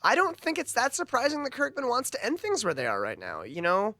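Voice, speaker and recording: A man co-hosting a podcast in loose, casual chat. His pitch rises and falls a lot, and his tone is bright. He laughs often and keeps restarting his sentences, recorded dry and close. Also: wildly swooping pitch, brisk, dry recording. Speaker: podcast co-host.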